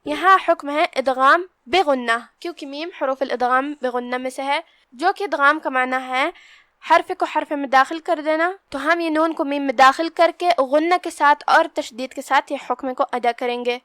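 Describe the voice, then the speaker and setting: High-voiced woman teaching Quran recitation. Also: bright, forceful tone, dry recording. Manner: slow measured recitation between plain explanations. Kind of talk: tajweed lesson.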